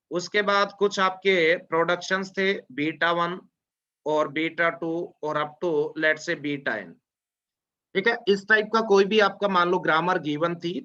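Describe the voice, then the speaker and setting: A man teaching an online class, drawling out formulas slowly and often checking that his students follow. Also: high voice, bright, forceful tone. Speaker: lecturer. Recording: dull lo-fi lecture audio.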